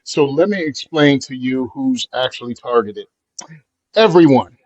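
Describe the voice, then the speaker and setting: A man's voice: mid-range voice, expressive, a little slow, a little mellow, dry recording, lo-fi sound. A man with a mid-range voice co-hosts a podcast in a dry, close recording. He speaks bluntly and with emphasis, now and then musing aloud and chuckling. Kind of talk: casual podcast chat.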